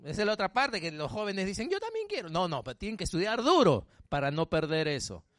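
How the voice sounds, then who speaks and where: A man's voice: high voice, sing-song, fast talker, fairly bright tone, no room sound, studio quality. A male pastor preaching a sermon, emphatic, often asking the congregation questions.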